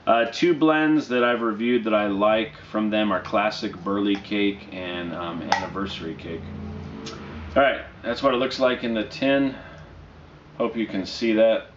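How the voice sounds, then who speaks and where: A man in his thirties reviews a product casually in a fairly low voice. He is unhurried and low-key, often halting between phrases. The sound is dull and roomy, picked up by a camera mic indoors. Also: background noise. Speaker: pipe tobacco reviewer. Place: small dim living room, indoors.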